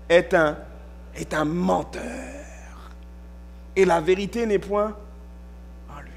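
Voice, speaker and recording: A male pastor preaches a sermon in church, leaning on key words, stretching them out and sometimes breaking into a shout. His voice is high, with a little background noise.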